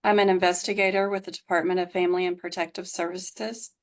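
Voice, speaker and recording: A woman's voice: lowish voice, little pitch movement, fast talker. A woman testifying as an investigator in a courtroom recording, giving formal, brief, factual answers.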